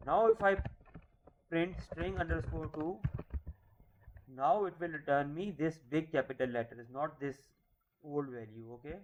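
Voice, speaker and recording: A man's voice: fairly high pitch, measured pace, long pauses, a little mellow. A man in his thirties with a Pakistani English accent, teaching a coding lecture patiently, repeating points and correcting himself. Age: 30s. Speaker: programming teacher. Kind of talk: screen-recorded coding lecture. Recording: dull lo-fi mic with faint hiss.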